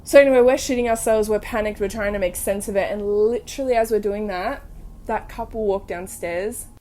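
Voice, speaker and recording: A young woman hosting a casual storytelling podcast, telling ghost stories in an animated, sweary way full of fillers. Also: mid-range voice, a little fast, slight background noise. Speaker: podcast host.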